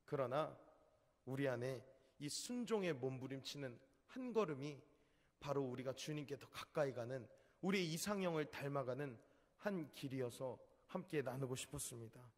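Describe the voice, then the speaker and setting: A man's voice: medium pitch, animated, normal speed, in a large hall. A man preaching a sermon as an evangelist, telling a personal story in an earnest, emotional way. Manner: earnest, emotional, acts out quotes.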